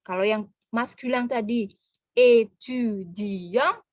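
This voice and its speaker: A woman's voice: fairly high pitch, lively intonation, measured pace, dry recording. A woman teaching French pronunciation in an online lesson, patiently breaking words into syllables.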